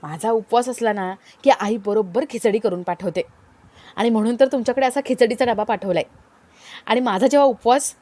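A shy young man stumbles over excuses and repeats himself defensively, with a woman reading the role. The tone is a little high and sheepish. It is told as a storybook tale. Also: a little fast, darkish tone, natural voice. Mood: flustered. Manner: hesitant, defensive replies. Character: bashful young man, fibbing and flustered.

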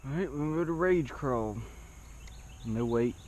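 A man's voice: medium pitch, lively intonation, moderate pace, a little mellow, a little hiss or hum. Guy talking to himself while fishing at a country pond, action cam audio, faint crickets in the back. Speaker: fishing vlogger. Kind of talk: casual narration while fishing. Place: outdoors at a rural pond. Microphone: wearable action camera.

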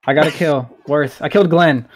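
A man's voice: fairly high pitch, brisk. A man chatting with teammates during an online match, hyped up and cheering everyone on. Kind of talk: casual gaming voice chat.

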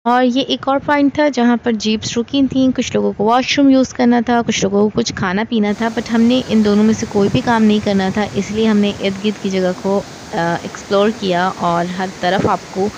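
Relaxed woman narrating a travel vlog. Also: medium pitch, moderate pace, few pauses, a little hiss or hum. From Pakistan. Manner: relaxed and chatty, with frequent hesitation fillers. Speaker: travel vlogger. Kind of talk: casual travel vlog voice-over.

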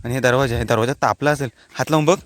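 A man's voice: mid-range voice, racing. A man from the Konkan region with a Konkani-inflected Marathi accent, chatting casually into a handheld phone as he vlogs outdoors and explains local words to viewers. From Konkan, India. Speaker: vlogger. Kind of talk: casual vlog, walking commentary. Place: outdoors on a hilltop by a water tank.

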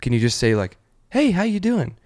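A man hosting a comedy podcast, telling a story with animated energy, using "like" and "literally" constantly and laughing often. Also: fairly high pitch, fairly quick. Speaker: podcast host. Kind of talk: casual comedy podcast chat.

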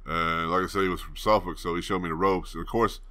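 Young host with a low, bright voice; easygoing, rambling anecdote style. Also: male voice, fairly even intonation, quick pace. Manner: laid-back, rambling, swears freely. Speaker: channel host. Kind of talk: casual storytelling to camera.

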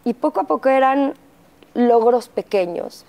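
A middle-aged woman with a Mexican accent telling her story as an interview guest, pausing often with fillers and acting out quotes. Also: a little high, lively intonation, mellow. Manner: halting, frequent fillers, acts out quotes. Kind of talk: candid interview testimony.

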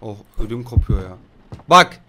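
A young man doing excited gameplay commentary, jumping from loud yells and curses at the game to low muttering. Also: normal speed, background noise. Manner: jumpy, yells and swears at the game, then mutters. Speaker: gaming YouTuber.

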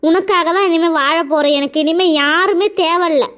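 A woman's voice: very high voice, normal speed, a bit bright. A woman voicing a tearful young husband in a cartoon, pleading and emotional. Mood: resolute. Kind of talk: cartoon voice acting.

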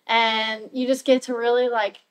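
A woman's voice: a little high, little pitch movement, moderate pace, clean tone, poor audio. A young woman talking in an upbeat, chatty way with many fillers in a casual interview, as a new real estate agent. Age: young adult.

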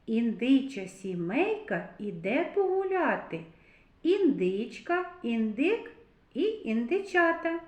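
A woman teaching a literacy lesson to young children, speaking slowly and clearly, drawing out sounds and praising them. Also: a little high, reverberant. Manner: warm, encouraging, drawn-out sounds and praise. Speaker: kindergarten teacher.

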